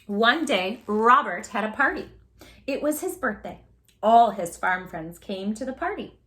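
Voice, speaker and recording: A woman hosts a children's storytime, reading a picture book aloud with lots of expression and chatting warmly and directly to her young audience. Her voice is a little high and bright, with a forceful tone and a slightly slow, expressive delivery. There's slight background noise.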